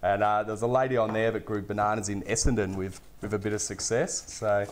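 A man's voice: lowish voice, steady tone, fast, a little hiss or hum. A man, a chef hosting a casual cooking show and chatting easily with his guest. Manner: easygoing, conversational, asks friendly questions. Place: home kitchen, indoors.

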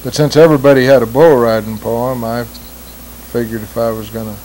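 A man's voice: medium pitch, steady tone, normal speed, a little mellow, rough recording. A middle-aged man with an American West accent and a plainspoken cowboy twang, telling stories and reciting rhymed cowboy poetry. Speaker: cowboy poet. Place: small wood-panelled room indoors. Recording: hissy old home video sound.

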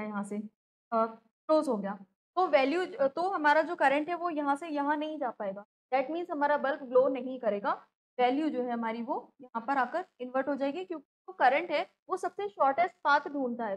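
Female teacher, high voice, patient step-by-step classroom explanation. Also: poor audio. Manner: explanatory, asks and answers own questions, frequent "theek hai".

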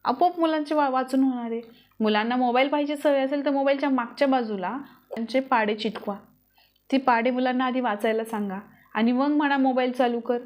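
A woman's voice: sits high, a little fast, darkish tone. A woman talking to parents straight to camera in an earnest advice vlog, asking them many rhetorical questions. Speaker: parenting vlogger. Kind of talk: direct-to-camera advice talk.

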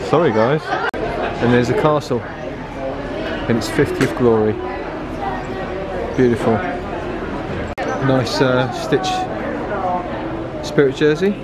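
A middle-aged man films his own vlog with a handheld camera as he wanders a busy resort. He chats with enthusiasm and trails off with fillers. Loud crowd chatter and room noise sit behind him. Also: medium pitch, slow pace, pauses often. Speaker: vlogger, dad. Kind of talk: casual vlog narration. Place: busy resort lounge and restaurant indoors.

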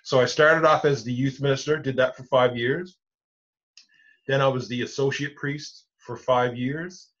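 A man in his forties, an Anglican rector with a Newfoundland English accent, speaks in a mid-range, a bit bright voice with fairly even intonation. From his home study lined with bookshelves, he answers interview questions over a video call webcam, explaining church decisions step by step in a measured way with many restarts. The video call audio is muffled and lo-fi.

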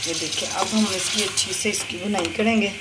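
Speaking briskly in a steady, mid-range voice, this woman vlogger chats her way through a home cooking recipe one step at a time, pointing out details as she goes. "Ye dekhiye" comes up again and again with each step she shows. The recording picks up sizzling and clatter from her home kitchen.

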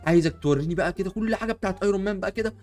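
A young man with an Egyptian accent, playing a superhero in a block-building game, talking loudly and frantically with constant exclamations. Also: high-pitched, racing, music in the background. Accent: Egyptian Arabic. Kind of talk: excitable role-play over gameplay.

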